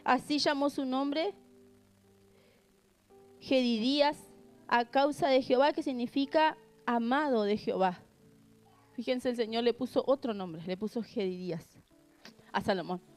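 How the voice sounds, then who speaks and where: A woman's voice: a little high, measured pace, long pauses, soft background music. Earnest woman preaching. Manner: earnest, asks the congregation rhetorical questions; reads scripture aloud between remarks. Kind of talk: sermon.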